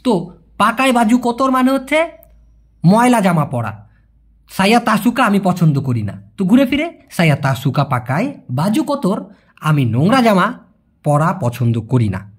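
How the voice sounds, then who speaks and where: A man with a husky voice and a lively, rising-and-falling pitch teaching vocabulary. He says each word slowly and repeats it, and he talks in a chatty tone. He keeps checking on the listener with rhetorical questions. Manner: drills words slowly, repeats them and asks the listener to repeat. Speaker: language teacher. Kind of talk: Bengali-language lesson teaching Malay phrases.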